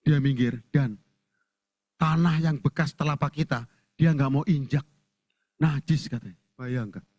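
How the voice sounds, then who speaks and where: A man's voice: mid-range voice, unhurried, long pauses, a little mellow, no echo. A man preaching a sermon as pastor with an Indonesian accent, telling stories animatedly and acting out the people he quotes, often laughing. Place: church sanctuary.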